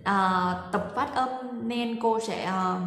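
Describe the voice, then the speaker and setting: Slow, patient woman teacher in an echoey room. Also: mid-range voice, a bit bright, soft background music. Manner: patient, repeats each example syllable three times. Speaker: language teacher. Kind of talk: pronunciation lesson. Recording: echoey room with long reverb.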